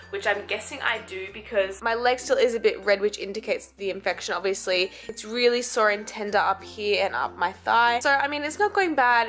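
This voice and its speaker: A woman's voice: medium pitch, bright, forceful tone, reverberant. A young Australian woman in her twenties vlogging casually to a handheld camera at home, unwell and tired, talking with lots of "like" fillers. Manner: chatty, frequent "like" fillers, self-mocking. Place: home apartment, indoors.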